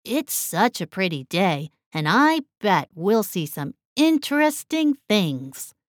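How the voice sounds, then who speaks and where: A woman voicing a calm, friendly boy in a storybook reading. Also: medium pitch, slow pace, no room sound, studio quality.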